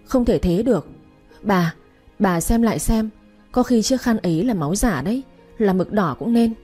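A woman's voice: mid-range voice, expressive, normal speed, mellow, breathy edge, soft background music. A woman voicing a scheming young maidservant who begs tearfully in an audio story. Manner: pleading, tearful. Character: scheming young female servant, pleading.

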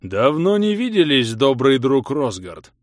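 A man's voice: mid-range voice, big pitch swings, unhurried, no echo, studio quality, voice pushed up. A man voicing a huge bearded male giant, jovial and teasing in folksy speech.

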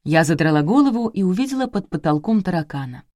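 A woman narrates a comic audiobook in the first person with a wry, brisk delivery. Her voice sits low. The recording is close and dry. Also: expressive, a little mellow, no room sound.

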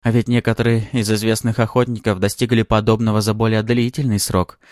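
Guy reading an audiobook doing a teasing young woman, higher voice, playful and a bit mocking. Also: level tone, a little fast, darkish tone, no room sound, clean studio sound, lightly acted. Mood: amused. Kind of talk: audiobook character voice.

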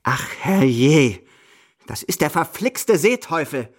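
A man's voice: fairly high pitch, very animated, unhurried, voice pushed up. A man voicing an imperious, impatient old grandmother at the roulette table, scolding and hissing orders. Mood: furious.

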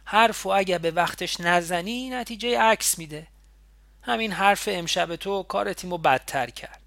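A man reading a calm, sardonic young man who coolly scolds his comrade. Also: sits high, vocal fry, no echo, voice pushed up. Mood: reproachful. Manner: cool and reproachful, building to sharp lecturing.

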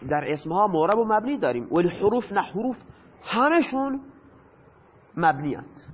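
A man's voice: sits high, very animated. A man teaching a grammar lesson, patiently explaining and asking his students questions that he then answers himself. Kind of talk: lecture explaining Arabic grammar. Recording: dull lo-fi audio with long reverb.

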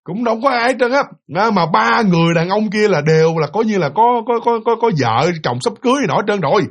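Southern Vietnamese male storyteller, casual ghost-story chat, husky and very animated. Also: high-pitched, quick pace. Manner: chatty, repeats words, addresses listeners.

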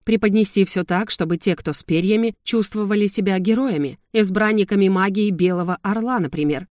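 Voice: medium pitch, fairly quick, a little mellow, dry recording, clean studio sound, pitched above the performer's own voice, natural voice. A reader voicing a young winged gargoyle prince who speaks with defiant irony. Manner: menacing at times, ironic.

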